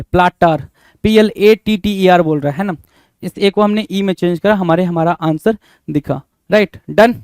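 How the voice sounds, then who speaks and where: A man with a high, smooth, clear voice leads an exam spelling lesson. He spells each word out letter by letter and keeps asking his students what the answer is. The sound is close and dry. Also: a little mellow, no echo. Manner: spells words letter by letter, repeats questions to students. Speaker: teacher.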